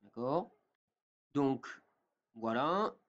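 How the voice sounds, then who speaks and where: A man giving a step-by-step software tutorial, with many fillers and a habit of asking "d'accord?" after each step. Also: mid-range voice, expressive, extremely slow, muffled recording. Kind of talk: screen-recorded software tutorial.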